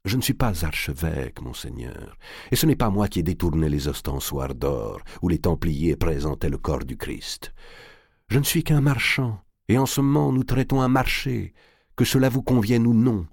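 A man voicing a cold, calculating merchant who speaks in a cool, deliberate, cutting way. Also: low voice, sing-song, gravelly, darkish tone, husky, no echo, clean studio sound, exaggerated voice. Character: cold calculating middle-aged male merchant.

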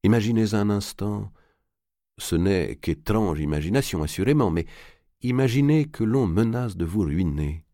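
A man voicing a cold, calculating merchant who speaks in a cool, deliberate, cutting way. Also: on the low side, dark tone, no room sound, clean studio sound, pitched above the performer's own voice. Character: cold calculating middle-aged male merchant.

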